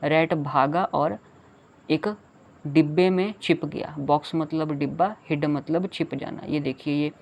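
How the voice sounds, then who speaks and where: Teacher slowly explaining a kids' poem. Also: mid-range voice, fairly even intonation, vocal fry. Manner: reads English lines slowly, then explains in Hindi; checks in often with "okay". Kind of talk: children's lesson explaining a poem line by line.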